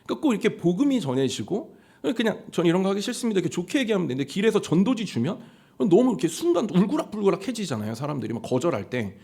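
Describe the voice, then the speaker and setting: A man preaching a Sunday sermon in a storytelling way. His voice sits a little high for a man, and his pitch rises and falls in lively swings as he recounts events. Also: fast talker, creaky, slightly rough. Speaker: pastor.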